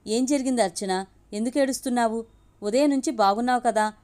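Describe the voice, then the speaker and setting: A woman voicing a gentle, caring young woman who soothes and encourages her crying friend in an audio story. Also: a little high, brisk, natural voice. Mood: tender.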